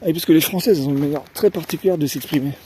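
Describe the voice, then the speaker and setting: A man's voice: on the high side, rapid-fire, warm tone, slight background noise. A man from France talking in a casual opinion monologue as a vlogger, rambling on fillers and tag questions and repeating words as he searches for phrasing.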